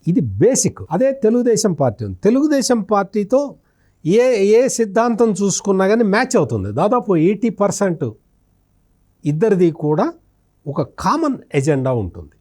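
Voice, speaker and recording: This journalist's high-pitched, warm voice moves through big pitch swings at a moderate pace. In an interview, he analyzes politics emphatically and explanatorily, raising his own questions, answering them, and repeating phrases.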